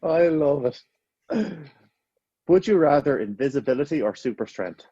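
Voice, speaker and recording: A man co-hosting a casual podcast, firing off quick questions and cracking jokes with frequent laughs. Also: medium pitch, animated, mellow, breathy edge, no echo, dull audio. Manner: jokey, laughs often. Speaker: podcast co-host.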